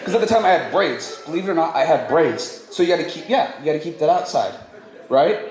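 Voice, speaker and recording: A man's voice: on the high side, expressive, quick pace. A man giving a playful, joking wedding toast as the groom's cousin at a reception. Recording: echoey hall, loud room noise.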